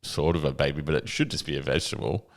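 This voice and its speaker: A man's voice: extremely low pitch, fast talker, creaky. A young man co-hosting a comedy podcast, riffing playfully in casual chat. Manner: playful riffing, improvises bits in character. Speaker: podcast co-host.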